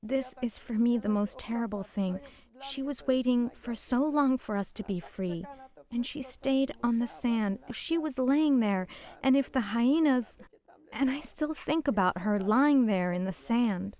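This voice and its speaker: Older woman giving halting testimony. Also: on the high side, a little mellow. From Poland. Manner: halting, emotional, drops to whispers at painful moments. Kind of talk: personal testimony.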